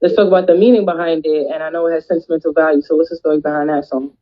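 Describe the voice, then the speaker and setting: Female magazine interviewer; brisk, encouraging, slangy; lo-fi muffled recording. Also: deep voice, fairly even intonation. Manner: upbeat, encouraging, with frequent "dope" and "mm-hmm". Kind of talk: casual interview. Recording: dull, lo-fi audio.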